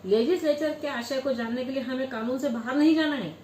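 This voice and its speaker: A woman's voice: high-pitched, brisk, a little mellow, a little hiss or hum. A woman giving a Hindi law lecture, asking questions and answering them herself. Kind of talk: classroom lecture. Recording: echoey room with faint ambience.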